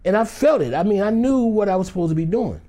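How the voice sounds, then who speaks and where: Quick and warm, with a high voice and lively intonation, a man recounts a story during an interview. He keeps it loose and conversational, says "you know" a lot, and plays the other people in the tale.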